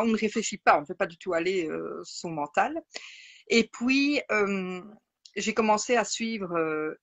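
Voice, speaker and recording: A woman's voice: lowish voice, a bit bright, lo-fi sound. Belgian woman, Liège accent, live interview guest, hesitant and filler-heavy. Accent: Liège Belgian French. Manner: hesitant, many fillers and restarts. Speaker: interview guest, identity coach.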